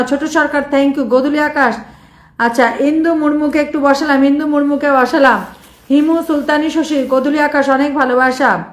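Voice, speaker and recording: A hoarse woman live streaming, reeling off viewer names with quick thanks in casual chat. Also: sits high, roomy sound. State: hoarse from shouting.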